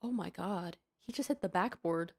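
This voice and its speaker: A woman's voice: on the low side, moderate pace, creaky, breathy edge. A young adult woman streamer chatting casually with her viewers during a live game stream, greeting them by name. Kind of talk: casual livestream chat.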